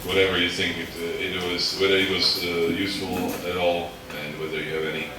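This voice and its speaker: A man delivers a university lecture in a deep, low voice. He builds his points step by step and keeps checking in with the room. The sound is distant and echoey, with steady background noise. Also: fairly quick. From Slovakia. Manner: explains step by step and checks in with the audience. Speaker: guest lecturer.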